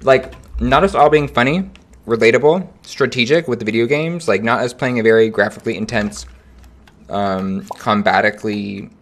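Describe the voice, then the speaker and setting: A young man streaming a game, chatting casually with viewers in an animated, slangy way. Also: medium pitch, moderate pace. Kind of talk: casual livestream chat.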